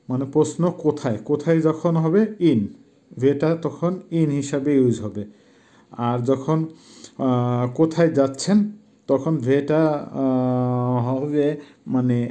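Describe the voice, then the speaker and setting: A middle-aged man with a warm, mellow voice teaches a language lesson. He speaks patiently at a middling pitch, pausing often and slowly repeating each word for pronunciation. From Bangladesh.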